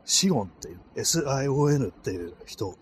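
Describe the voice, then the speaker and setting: A man's voice: mid-range voice, big pitch swings, brisk, slight background noise. A man hosting a casual solo podcast, talking into his phone while walking a night street, rambling with many fillers. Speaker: podcast host. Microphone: phone held in cold hands. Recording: faint street ambience outdoors.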